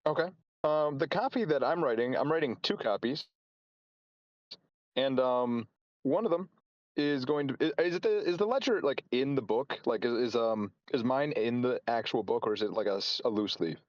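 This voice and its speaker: Guy playing dnd, halting casual talk, medium pitch, bit muffled and dry. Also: animated, no room sound. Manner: halting, repeats and reformulates as he plans. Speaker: tabletop game player. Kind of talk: casual chat during a role-playing game.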